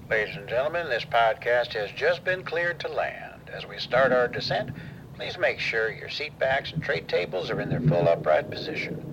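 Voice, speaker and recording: Male announcer doing a pilot's in-flight message over the cabin speaker, gravelly and measured, with a heavy engine hum behind. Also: medium pitch, sing-song, dull audio. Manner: measured, formal announcer delivery. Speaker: podcast outro announcer.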